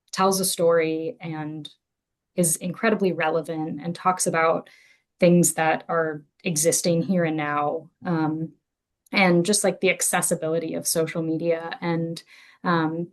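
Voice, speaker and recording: A woman who works with teenagers giving casual spoken feedback, chatty and hesitant with many fillers. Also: lowish voice.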